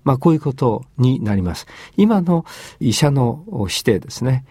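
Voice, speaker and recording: A man hosting an English lesson, explaining phrases in Japanese in a measured way with many fillers. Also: medium pitch, animated, mellow, husky, dry recording. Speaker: English teacher and host.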